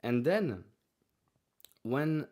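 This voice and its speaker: A man giving an unscripted motivational talk as a martial arts podcast host, haltingly repeating words as he searches for phrasing. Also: medium pitch, big pitch swings, a little mellow.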